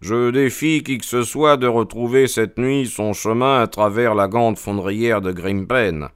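A man's voice: medium pitch, unhurried, smooth, no echo, studio quality, close to an everyday voice. Man voicing a cold, commanding detective. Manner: cold, clipped delivery. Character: cool, commanding male detective.

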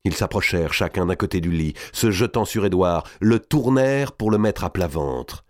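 Dramatic male narrator, low voice with lively range, dry close reading. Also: moderate pace, no room sound. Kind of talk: audiobook reading of a historical novel.

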